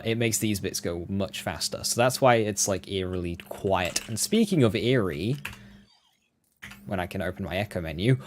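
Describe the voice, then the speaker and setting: A man's voice: lowish voice, slight background noise. A man giving casual, chatty live gameplay commentary, talking straight to his viewers. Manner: chatty, addresses viewers directly. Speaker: game streamer.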